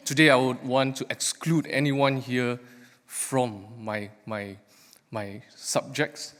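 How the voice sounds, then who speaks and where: A man's voice: mid-range voice, steady tone, takes it slowly, fairly bright tone. Man presenting in a reverberant hall. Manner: questioning, engages audience with rhetorical questions. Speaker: academic researcher giving a talk. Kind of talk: live lightning talk to an audience. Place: large hall, speaking to a live audience. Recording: echoey hall with long reverb.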